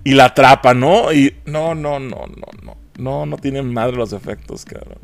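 A man's voice: mid-range voice, a little slow, vocal fry. A man with a Mexican accent giving a casual, profane film review. He mocks the movie and laughs often.

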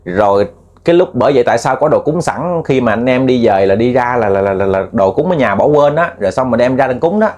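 A man's voice: medium pitch, animated, fast, a little mellow, muffled recording. A man with a Southern Vietnamese accent telling a ghost story in a chatty, repetitive way, addressing listeners as family. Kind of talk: casual spoken storytelling.

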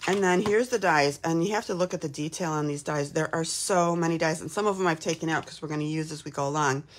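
Hosting a live craft demo in her home craft room, a woman from Texas in her fifties talks fast in a low-sitting voice. A cold leaves her slightly hoarse, but she stays chatty and upbeat, with plenty of "um"s.

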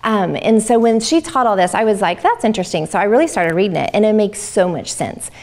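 Woman, middle-aged, parenting workshop speaker, chatty, gravelly tone, mid pitch. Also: animated, brisk, a little mellow. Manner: chatty, acts out parent and child lines. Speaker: child development specialist giving a parenting workshop. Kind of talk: informal workshop talk. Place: room with a live audience.

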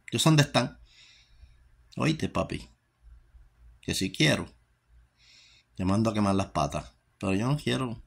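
A man's voice: fairly low pitch, gravelly, slightly rough. A Puerto Rican man giving a rambling, profane personal testimony, cursing freely and trailing off into mutters. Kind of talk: casual spoken testimony.

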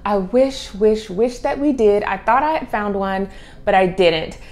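Wearing a clip-on lapel mic in a small room of her home under a sloped ceiling, a middle-aged homeschooling vlogger talks casually to camera about children's books. She draws out and repeats key words for emphasis, in a mid-range, expressive, darkish voice at a slightly slow pace.

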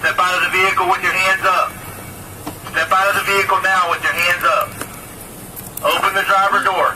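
A police lieutenant, a man, negotiating with a suspect through a loudspeaker, repeating firm commands and calmly pleading. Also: sits high, moderate pace. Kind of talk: live police standoff negotiation. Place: outdoors at a roadside scene. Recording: distant loudspeaker voice over roadside noise.

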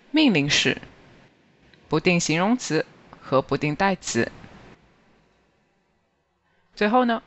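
A language teacher reading a scripted grammar review slowly and carefully, pausing on each listed word. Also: mid-range voice. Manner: slow, even, careful reading of word lists. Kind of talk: scripted grammar lesson narration.

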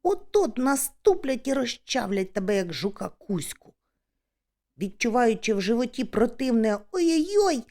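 A woman reads a children's adventure audiobook in the first person. Her voice is on the high side and very lively in pitch, shaping every line with dramatic storytelling. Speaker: audiobook narrator.

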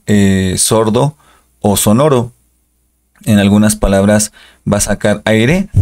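Slow, low-voiced man teaching English. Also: warm tone. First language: Spanish. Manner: patient, repeats model words slowly. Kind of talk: pronunciation lesson.

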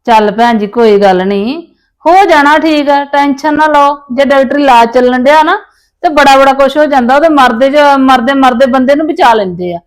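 A woman with a high-pitched voice plays a mother-in-law in a family drama. She pleads and apologises, full of self-pity, asking to be forgiven. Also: moderate pace. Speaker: mother-in-law wanting her grandson back. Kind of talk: scripted village family drama.

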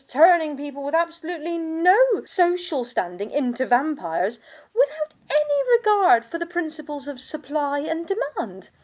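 An actress with a slightly high female voice performs a scripted dramatic monologue as a bitter, world-weary aristocratic vampire countess. Her manner is pompous and sardonic.

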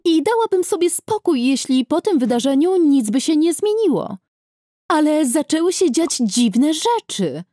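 Young female narrator, expressive, warm low timbre, dry studio read. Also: unhurried, dry recording. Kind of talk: scripted first-person story narration.

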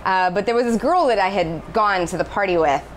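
A woman's voice: mid-range voice, a little fast, slight background noise, rough recording. Candid young woman on lapel mic. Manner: relaxed, candid storytelling. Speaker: restaurant co-owner. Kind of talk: casual interview. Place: small commercial kitchen, indoors. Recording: music bed underneath.

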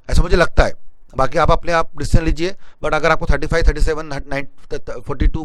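A young man talks students through an exam study plan, sliding between Hindi and English and often stopping to ask if they follow. His voice sits a little high for a man. The sound is dry and close, with no room echo. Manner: mixes Hindi and English, addresses viewers as sir, repeats "ठीक है ना?". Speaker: exam coaching teacher. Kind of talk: study-planning lecture.

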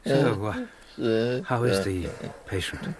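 An actor playing Doctor Watson, a kindly, loyal companion who speaks gently and reassuringly, in a radio drama. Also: male voice, on the low side, takes it slowly, crowd noise. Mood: gentle. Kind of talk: 1990s radio drama acting.

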